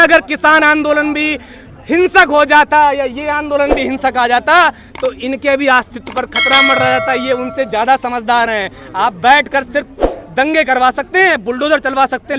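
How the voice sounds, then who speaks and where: A man's voice: very high-pitched, steady tone, moderate pace, background noise. Fiery young man speaking at a protest. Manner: fiery, rhetorical, leads call-and-response chants. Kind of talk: impassioned street speech with poetry. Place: outdoor protest site in a city.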